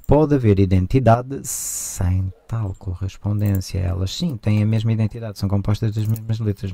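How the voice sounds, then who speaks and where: A man leading a reading group, reading a text aloud and commenting on it, with quick delighted asides. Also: fairly low pitch, creaky, warm tone, no room sound, studio quality. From Brazil. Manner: reads steadily, breaking into quick delighted asides.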